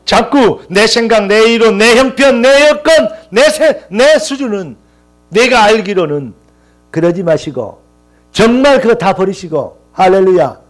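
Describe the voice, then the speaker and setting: A man's voice: high voice, lively intonation, a little slow. A male pastor preaching a sermon with impassioned, rising emphatic lists and calls of hallelujah.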